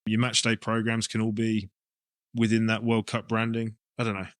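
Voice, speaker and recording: An English-accented rugby coach and club director speaks as an interview guest, talking casually and working through his ideas informally as they come to him. His voice sits on the low side with a completely flat delivery, moving at a moderate, smooth pace. The recording is clean studio sound with no room sound.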